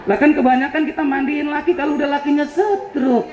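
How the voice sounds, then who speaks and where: Joking preacher in an echoing hall. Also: male voice, very high voice, fairly even intonation, fairly quick, background noise. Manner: joking, storytelling, teasing. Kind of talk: humorous sermon. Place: event hall on a campus. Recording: echoey hall with faint crowd.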